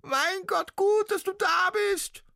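A man voicing a trapped male ghost in a storybook reading, with a very high, squeaky, shrill voice. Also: takes it slowly, creaky, bright, forceful tone, no room sound, clean studio sound, heavily acted. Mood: frantic.

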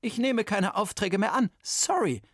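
A man voicing a brisk, no-nonsense retired old woman detective in a storybook reading. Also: high voice, expressive, no room sound, clean studio sound, voice pushed up, full character voice. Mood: indignant. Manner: sharp, no-nonsense.

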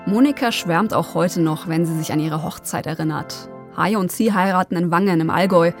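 A woman narrating a documentary podcast as its host, in a calm storytelling manner with occasional personal asides. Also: lowish voice, fairly quick, faint music behind.

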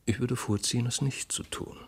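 A man voicing a meek but stubborn young male copyist who speaks in a soft, respectful, quiet tone. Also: medium pitch, fairly even intonation, normal speed, creaky, husky, pitched above the performer's own voice. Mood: quietly refusing.

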